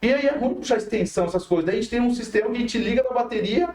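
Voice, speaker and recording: A man's voice: extremely high pitch, rapid-fire, echoey room, recorded from a distance. A man with a Brazilian Portuguese accent, telling stories in a casual studio chat and acting out the people he quotes. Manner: animated storyteller, acts out quoted dialogue. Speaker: music teacher and guest.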